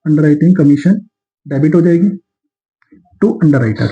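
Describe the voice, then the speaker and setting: A man teaching accountancy in a classroom lecture, explaining step by step, mixing English terms into Hindi in an Indian accent and slowing down to dictate entries. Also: on the high side, animated, phone-quality sound. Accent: Indian English terms mixed into Hindi.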